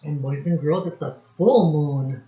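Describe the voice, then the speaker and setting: A woman teacher with a low, dark voice reads a picture book aloud to young children, in deliberate, separated phrases, pausing to ask them questions. The recording is dull, muffled, and lo-fi.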